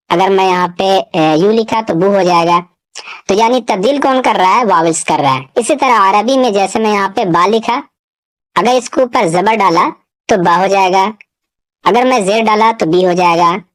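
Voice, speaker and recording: A woman teaching a beginners' reading lesson, explaining step by step and sounding out each syllable slowly. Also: medium pitch.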